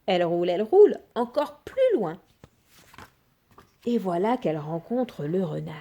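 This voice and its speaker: A woman reading a children's fairy tale aloud in an expressive, sing-song storytelling manner. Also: fairly low pitch, unhurried.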